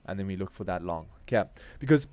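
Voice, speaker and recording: This Durban man hosts a crypto trading stream, delivering loose, slang-filled market commentary as he thinks out loud. His South African-accented voice is deep and darkish, animated and fast, captured in a dry recording.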